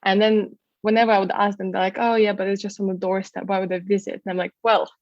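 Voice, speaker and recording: A woman's voice: mid-range voice, level tone, quick pace, dry recording. A young woman from Ukraine chats as an interview guest, peppering her talk with "um" and "like". The sound is dull and lo-fi, and the room is very dry. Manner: chatty, many fillers like "um" and "like". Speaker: guest, travel content creator and tour guide. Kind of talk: casual interview conversation.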